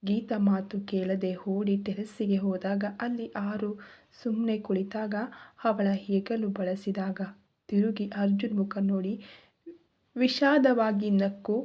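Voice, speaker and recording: A woman narrating a story in a slow, soft, often half-whispered way. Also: mid-range voice, steady tone, slightly rough.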